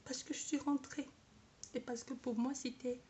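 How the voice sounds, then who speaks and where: A woman speaking to camera in a personal, halting way, often repeating herself and searching for words. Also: high-pitched, level tone, warm tone, a little hiss or hum. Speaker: vlogger.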